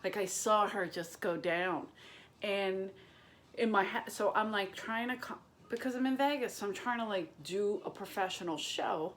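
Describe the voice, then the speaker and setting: A woman's voice: medium pitch, moderate pace. A woman stand-up comedian telling a story to her propped-up camera at home, casual and profane, acting out the voices of the people in it. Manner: profane, animated storytelling with acted-out quotes. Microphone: camera propped on boxes and books.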